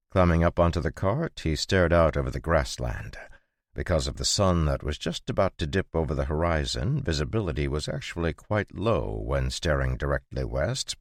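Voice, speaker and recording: Very deep-voiced male audiobook narrator. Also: no echo, clean studio sound. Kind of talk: scripted narration.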